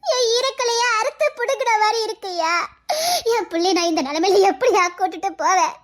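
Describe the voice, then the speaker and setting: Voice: extremely high pitch, fairly quick, sharp tone, full character voice. A performer playing a scheming middle-aged village aunt with a Tirunelveli Tamil accent, swinging between melodramatic wailing and sly plotting asides in a comedy skit. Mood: fake wailing.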